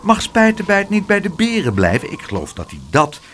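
A man voicing a gentle, earnest young boy who pleads reasonably. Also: high-pitched, wildly swooping pitch, fairly quick, a little hiss or hum, pitched above the performer's own voice, exaggerated voice. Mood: pleading.

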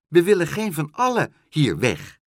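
A man's voice: a little high, huge pitch swings, normal speed, dry recording, studio quality, pitched above the performer's own voice. A man voicing a small stubborn squirrel in a storybook, firmly refusing to move.

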